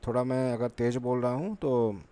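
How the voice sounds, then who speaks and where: Guy teaching maths to kids, warm mellow voice, keeps asking and answering his own questions. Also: mid-range voice, fairly even intonation, moderate pace, smooth. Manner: patient, repeats "ठीक है" and asks rhetorical questions. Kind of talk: whiteboard maths lesson.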